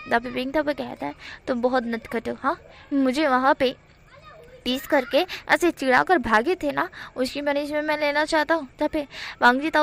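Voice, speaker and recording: High-voiced woman with a gravelly edge. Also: a bit bright. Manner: chatty, addresses listeners as guys, mixes English words. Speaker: storyteller retelling a fan fiction. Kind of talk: casual story retelling with acted dialogue.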